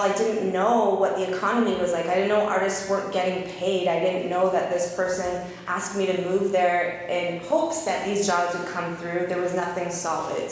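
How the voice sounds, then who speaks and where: A woman in her thirties from Calgary, an eyebrow artist telling her story as an interview guest in an open, energetic way. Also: lowish voice. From Canada (Calgary). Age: 30s. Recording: roomy reverberant space with faint noise.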